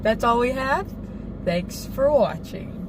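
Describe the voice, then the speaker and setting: A woman's voice: on the high side, lively intonation, slow pace. Easygoing woman chatting over car noise. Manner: easygoing, laughs along. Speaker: co-host. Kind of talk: casual vlog chat. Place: car and outdoors.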